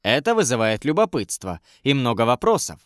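A man's voice: medium pitch, sing-song, brisk, dry recording, studio quality, natural voice. A man voicing a polite young adviser. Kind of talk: audiobook character reading.

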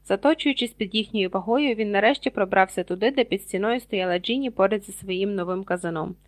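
A woman reads a storybook aloud in a steady, scripted narration. Her pitch sits in the middle of the range. She reads out the page numbers as she goes along. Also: fairly quick. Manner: reads page numbers aloud, voices characters with raised loudness. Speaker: audiobook reader.

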